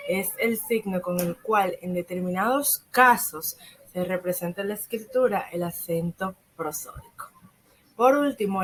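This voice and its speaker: Low-voiced teenage girl reading a lesson. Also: a little hiss or hum, poor audio. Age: teens. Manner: reads steadily from a script, slowing on examples. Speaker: secondary school student presenting. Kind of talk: read-aloud school lesson presentation.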